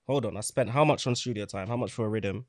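Man, London roadman accent, quick and argumentative, casual panel talk, dry close sound. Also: fairly low pitch, a little mellow, no room sound. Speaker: music artist. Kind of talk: animated group discussion.

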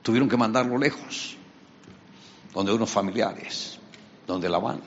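A man's voice: fairly low pitch, unhurried, lo-fi sound, a little hiss or hum. A man preaching, retelling a story dramatically and voicing its characters. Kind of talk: sermon storytelling.

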